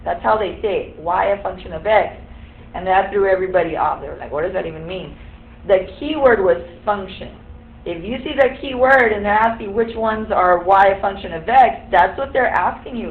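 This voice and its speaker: A woman's voice: medium pitch, normal speed. Woman teaching in an echoey classroom. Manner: explains step by step, quizzes the class. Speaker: high school algebra teacher. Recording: echoey room, tinny phone-like sound.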